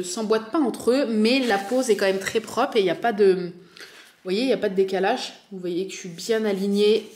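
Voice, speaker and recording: A woman casually showing her craft kits to viewers, chatty and hesitant, full of fillers and self-corrections, speaking to the camera from home. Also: mid-range voice. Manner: talks directly to viewers, laughs at herself. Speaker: diamond painting vlogger. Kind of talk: casual unboxing show-and-tell. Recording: echoey room.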